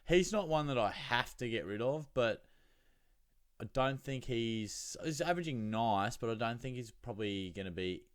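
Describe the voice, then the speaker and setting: A man's voice: medium pitch, animated, moderate pace, clean tone, no echo, studio quality. An Australian man hosting a fantasy football show, chatting casually in a slangy, laddish way and telling anecdotes. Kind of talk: casual solo chat with anecdotes.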